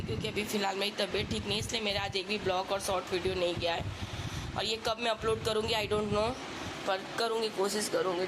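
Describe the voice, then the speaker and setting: A woman with a cold vlogging at home early in the morning, speaking softly and slowly so as not to wake anyone. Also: mid-range voice. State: has a cold. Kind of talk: casual home vlog. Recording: noticeable background noise with vehicles.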